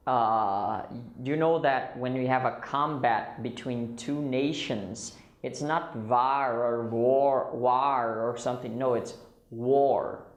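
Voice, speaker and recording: A man teaching English pronunciation, slowly repeating single words and patiently explaining the sounds. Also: on the high side, a little mellow, reverberant, highs cut off. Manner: slow, patient, models words in isolation. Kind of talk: pronunciation drill lesson.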